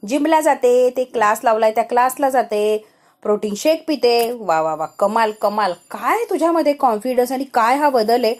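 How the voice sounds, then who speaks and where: A woman's voice: on the high side, lively intonation, normal speed, darkish tone, lightly acted. A woman voicing a young husband who gushes with admiring praise for his wife.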